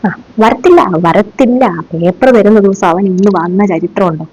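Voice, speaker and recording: Playing a sarcastic, stern middle-aged female teacher, this sketch comedian scolds her class through mocking rhetorical questions. She speaks at normal speed in an expressive, medium-pitched, darkish voice close to an everyday one, and the dull, dry lo-fi recording has no echo.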